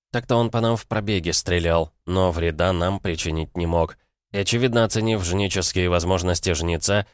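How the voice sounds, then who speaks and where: A man reads a first-person audiobook in a wry, colloquial manner. His voice is very low and deep. The sound is close and dry, with no room around it. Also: no room sound. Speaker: audiobook narrator.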